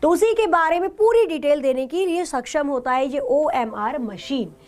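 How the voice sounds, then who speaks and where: A woman's voice: high-pitched, lively intonation, moderate pace, a little mellow. A woman teacher taking a live online class, asking questions and then answering them herself, with English terms mixed into her talk.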